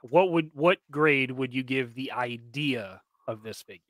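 A man's voice: mid-range voice, unhurried, fairly bright tone, no echo, studio quality. A man co-hosting a casual live stream, joking and laughing often. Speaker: co-host, toy customizer. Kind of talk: casual chat.

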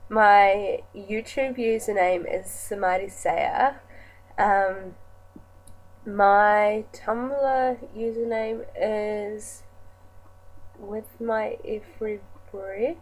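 A woman's voice: mid-range voice, fairly even intonation, faint music behind, poor audio. A nineteen-year-old woman with a New Zealand accent reading through an accent challenge word list in a casual vlog. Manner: slow, casual and chatty, reading words off a list. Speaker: vlogger.

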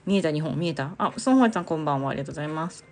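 A woman's voice: sits low, animated, very fast, darkish tone. A young woman hosting a casual live stream, chatting with viewers and reading their comments aloud. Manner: chatty, reads viewer comments aloud, exclaims and laughs often.

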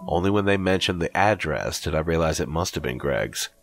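Male horror storyteller, very low voice, lively pitch, measured scripted delivery. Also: soft background music. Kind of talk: scripted narration.

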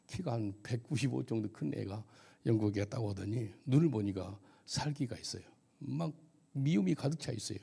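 A man preaches his testimony to a church gathering, telling it vividly and checking in with the listeners. His voice is deeply husky and gravelly, with a dark, mellow tone. He sits at an ordinary pitch for a man. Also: normal speed. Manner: vivid storytelling, asks the audience questions. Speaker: missionary pastor. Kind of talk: testimony sermon. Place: church worship service.

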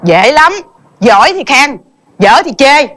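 Shrill bossy nagging wife. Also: female voice, sing-song, background noise, heavily acted. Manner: nagging, fast and exclamatory. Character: bossy scheming wife managing singer husband. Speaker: comedy sketch actor. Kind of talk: stage comedy sketch acting. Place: television studio stage.

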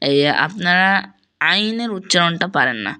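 A man's voice: high-pitched, lively intonation, moderate pace, bright, forceful tone, clean tone. A man teaching how to correct common mistakes in reciting, speaking straight to his viewers and repeating each point several times. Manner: addresses viewers directly as "respected viewers". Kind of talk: tutorial on correcting pronunciation.

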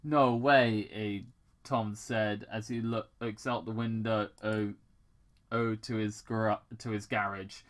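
A British amateur reader, speaking at medium pitch with a flat delivery, reads fan fiction aloud. The reading is halting and error-prone, with self-corrections and occasional breaks to improvise.

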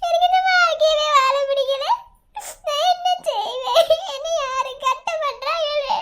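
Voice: very high voice, normal speed, fairly bright tone. A performer voicing a sad, bitter young woman in a cartoon, sulky and weepy, with a Madurai accent. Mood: weeping. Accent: Madurai Tamil. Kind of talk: cartoon voice acting.

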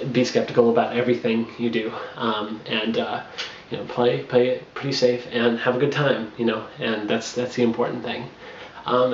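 Filming an advice vlog in a small, bare-walled bedroom, a young male travel blogger in his twenties talks into a camera propped on a makeshift tripod. His mid-range voice is reverberant, the audio dull and lo-fi with slight hiss or hum. He rambles, restarts often, uses plenty of fillers and laughs between points.

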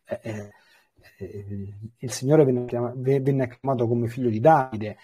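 Priest teaching scripture, husky, mellow-dark voice, reads and explains with asides. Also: male voice, medium pitch, steady tone, measured pace. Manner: reads passages aloud with explanatory asides and fillers. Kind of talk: Bible catechesis, reading and explaining scripture.

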